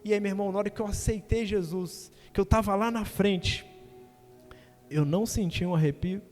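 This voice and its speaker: A young Brazilian minister preaches with a high, ringing voice, hammering home short repeated phrases and calling on the congregation for agreement. His words trail off into the long reverb of a church hall. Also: moderate pace, darkish tone, soft background music. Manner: emphatic, repetitive preaching cadence, asks the congregation "amém". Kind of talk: sermon with personal testimony.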